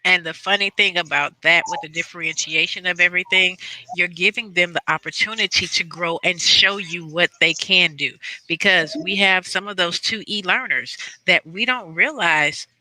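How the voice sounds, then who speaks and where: A man's voice: high-pitched, moderate pace, slight background noise, poor audio. A man who works in special education, speaking emphatically on a conference panel about classroom tools. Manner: animated, emphatic, laughs.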